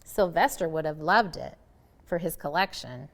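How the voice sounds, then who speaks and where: Woman acting storybook father donkey, earnest, emphatic, grieving, lively intonation. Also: low-pitched, normal speed, gravelly, big-room sound, full character voice. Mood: delighted wonder.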